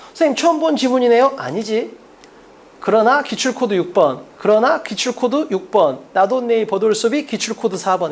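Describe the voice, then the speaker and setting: An English exam-prep teacher explaining a mock test in a lecture, firing rhetorical questions at students and drilling points with emphasis. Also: medium pitch. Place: lecture room at a board.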